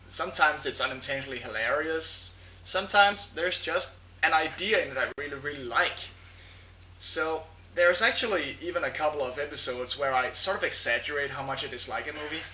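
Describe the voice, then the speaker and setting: A man with a sharp, very bright voice sitting a little high, talking candidly to camera as a horror reviewer. He chats casually and drops the odd filler. The sound bounces around an echoey room. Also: distant mic. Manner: chatty and candid, with occasional fillers. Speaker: horror movie reviewer answering viewer questions.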